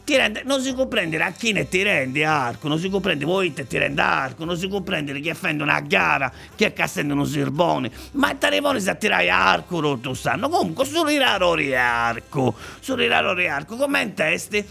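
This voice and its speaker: Gravelly Sardinian man rambling in dialect. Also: fairly high pitch, very animated, moderate pace, few pauses, pushed and bright. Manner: rambling, repetitive, stumbling over and restarting phrases. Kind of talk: rambling comic monologue in Italian dialect.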